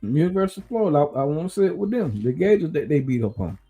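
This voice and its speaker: A man hosting a casual podcast chat, rambling and thinking out loud as he talks. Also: a little high, rapid-fire, breathy edge, soft background music. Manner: relaxed, rambling, talks through his uncertainty. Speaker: podcast host.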